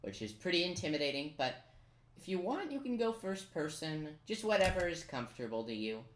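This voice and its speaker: With a high-ish, very animated voice at a slightly fast clip, this man guides viewers through a game step by step, keeping it casual with playful asides. The noisy recording has a roomy echo, plus the sound of computer keyboard typing and clicking.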